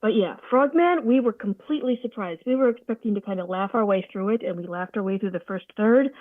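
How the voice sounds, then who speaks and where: A woman voice actor talks casually on a video call from her sofa, telling stories with lively, theatrical flair. Her voice comes through a narrow, phone-like line that sounds tinny, and the sound is dry and close, with no room around it. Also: mid-range voice, brisk, no room sound. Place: home sofa.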